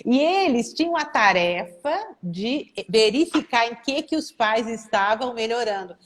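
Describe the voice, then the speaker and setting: A middle-aged Brazilian woman, a therapist hosting a live stream, speaks in a slightly high voice. She tells cases with animated energy and slips into the voices of mothers and teenagers as she quotes them. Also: unhurried. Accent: Brazilian Portuguese. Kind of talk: casual live-stream talk.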